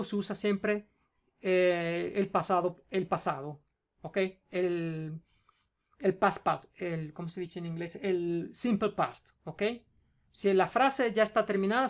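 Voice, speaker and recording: A woman with a Cuban Spanish accent teaching a grammar lesson, explaining patiently and often checking in with learners. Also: mid-range voice. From Cuba. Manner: switches into English terms for learners.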